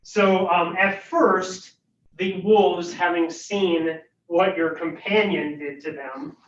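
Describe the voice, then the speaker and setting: A man's voice: high voice, steady tone, takes it slowly. A man narrating as game master of a tabletop game, hesitant and full of fillers. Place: room at a livestreamed faculty game. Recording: roomy, distant, dull recording.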